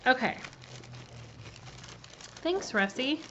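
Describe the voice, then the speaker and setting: A woman's voice: sits high, animated, very slow, fairly bright tone. A woman chatting her way through a live-streamed cookie-decorating demonstration, greeting viewers by name with plenty of ums. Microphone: laptop mic. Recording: slightly muffled, faint background noise.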